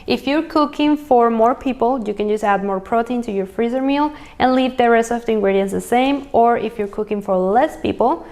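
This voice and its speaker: Upbeat woman from Venezuela, slightly high voice, casual chatty recipe host. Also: normal speed, few pauses, a little mellow. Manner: chatty, upbeat, lists ingredients as she cooks. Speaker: cooking channel host.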